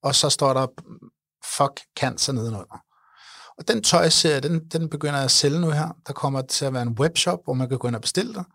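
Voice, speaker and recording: A man in his forties, an event organizer, telling his story in an earnest, animated way during an interview. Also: a little high, gravelly, dry recording, studio quality. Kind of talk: interview conversation.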